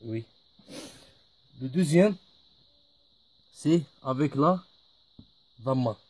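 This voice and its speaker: A man's voice: medium pitch, animated, drawn-out words, darkish tone, slightly rough, no echo. A man teaching a lesson in French, patiently repeating each word. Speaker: Arabic teacher. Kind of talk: slow spoken lesson.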